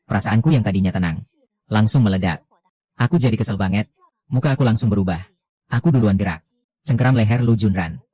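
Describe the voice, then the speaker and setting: A man narrating a dramatic first-person animated story in a steady reading voice. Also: fairly low pitch.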